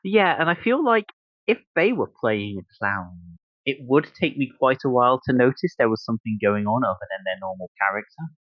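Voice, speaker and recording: A man hosting a podcast in casual chat, thinking aloud in a halting way. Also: medium pitch, very animated, no room sound, highs cut off. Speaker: podcast host.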